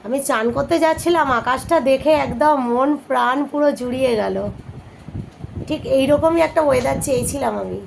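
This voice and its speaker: A woman in her thirties talks into a handheld phone in a casual home vlog, her voice hoarse from a cold and set a little high. She chats on easily and breaks off now and then to scold her kids. The recording is noisy, with rain heard outside. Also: brisk. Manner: chatty, scolds her children in between. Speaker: vlogger, mother.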